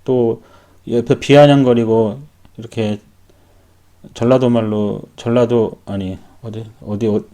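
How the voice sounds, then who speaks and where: A welder tells his own story in a rambling, casual way, often correcting himself mid-sentence. His mellow, mid-range voice keeps a measured pace and fairly even intonation.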